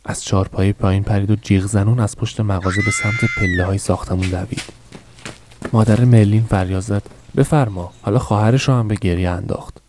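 A man narrating a novel for a podcast, reading in a steady, measured storytelling manner. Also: on the low side, a little hiss or hum. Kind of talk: scripted audiobook narration.

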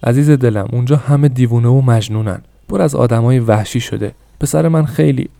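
A man's voice: very animated, dark tone, no echo. A man voicing a distraught mother who pleads for her son in a raised, pleading voice. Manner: high pleading put-on woman's voice.

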